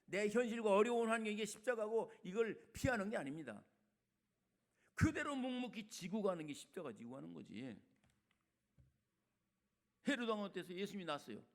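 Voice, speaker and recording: An older man preaching a sermon as a retired senior pastor, colloquial and chatty, swinging between loud emphatic lines and quiet asides. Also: high voice, animated, normal speed, pauses often.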